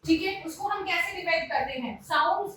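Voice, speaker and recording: High-voiced teacher in an echoey room. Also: female voice, normal speed, bright, forceful tone, far from the mic, a little hiss or hum. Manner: explains step by step with frequent rhetorical questions. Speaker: English linguistics teacher. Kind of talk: classroom lecture mixing Hindi and English.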